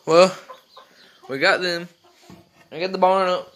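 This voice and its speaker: On a casual farm vlog shot with a phone held at arm's length, a teenage guy speaks slowly in a slightly bright voice. He rambles while showing the barn, the animals and a trailer, outdoors and inside an open wooden barn, using a high baby voice with the animals.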